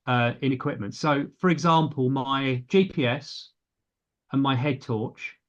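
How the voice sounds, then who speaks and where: A British man hosting a casual conversation, asking measured, thoughtful questions. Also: mid-range voice, dull audio. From Britain.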